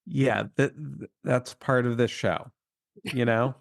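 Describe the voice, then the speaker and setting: A man's voice: medium pitch, fairly even intonation, takes it slowly, gravelly, dry recording. A man co-hosting a chatty podcast, dry and wry, rambling his way through his points. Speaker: podcast co-host. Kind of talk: casual chat.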